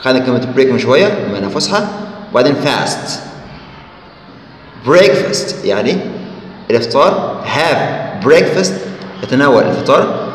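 Male English teacher, Egyptian accent, slow word drills, echoey room with faint hiss. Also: mid-range voice, big pitch swings. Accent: Egyptian Arabic. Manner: repeats each word slowly and corrects pronunciation. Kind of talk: recorded vocabulary lesson for young pupils.

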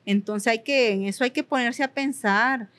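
A woman's voice: a little high, moderate pace, fairly bright tone. Earnest young woman. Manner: earnest, emphatic, repeats words for emphasis, quotes her own dialogues. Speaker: guest sharing her story. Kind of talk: candid personal testimony in an interview.

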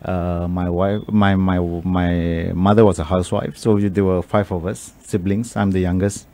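A man's voice: low voice, steady tone, moderate pace, mellow. A middle-aged man from Malaysia as a radio guest, talking thoughtfully with many restarts into a studio microphone. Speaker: guest, media executive. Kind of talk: radio interview. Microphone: studio microphone on boom.

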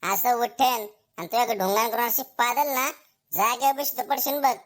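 Woman plays tough, taunting village schoolgirl, highish voice. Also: steady tone, moderate pace, very noisy, close to an everyday voice. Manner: mocking insults.

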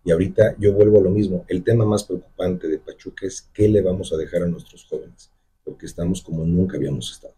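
Deep, dark-voiced Mexican man. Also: steady tone, quick pace, breathy edge. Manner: emphatic, campaign-speech delivery. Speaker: mayoral candidate. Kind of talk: radio interview answers. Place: radio studio. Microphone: desk microphone on stand.

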